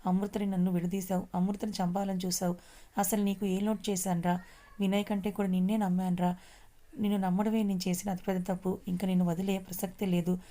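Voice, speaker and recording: A woman's voice: mid-range voice, little pitch movement, fairly quick, dark tone, natural voice. A woman reading the part of a hurt young man betrayed by his family, in a story. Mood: furious. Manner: anguished.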